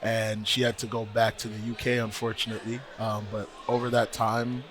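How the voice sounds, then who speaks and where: A man interviewed as a guest musician, telling his story in an animated, laughing way. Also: lowish voice, brisk. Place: conference.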